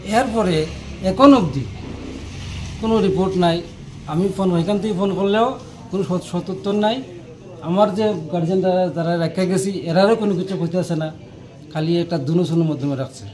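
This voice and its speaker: A man's voice: sits high, a little mellow, low-quality recording. A man, upset, telling a reporter outdoors what happened, speaking in regional dialect. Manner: distressed, recounting in regional dialect. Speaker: relative of the patient. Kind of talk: interview on the spot. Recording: faint background noise.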